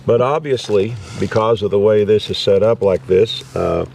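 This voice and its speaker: A video host demonstrates gear casually and unscripted, rambling in a folksy style. His lowish voice moves at normal speed and sounds creaky and a little mellow, captured on a distant mic with background noise.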